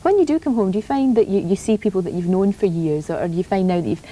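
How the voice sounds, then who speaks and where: Casting: female TV morning host, quick delivery, warm mellow tone, probing interviewer. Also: mid-range voice, rough recording. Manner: brisk, probing questions.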